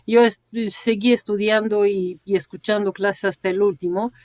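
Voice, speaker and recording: Here a sinologist and translator from Bulgaria, a woman in her forties, shares animated stories in a conversational interview. Her mid-range voice has a darkish tone, fairly even intonation and normal speed, punctuated by laughter and a questioning "no" after almost every phrase, in a dry recording.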